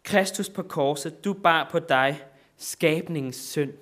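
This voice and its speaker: Danish preacher giving an impassioned sermon. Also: male voice, a little high, a bit bright. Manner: rises to exclamations, repeats phrases, loose with fillers.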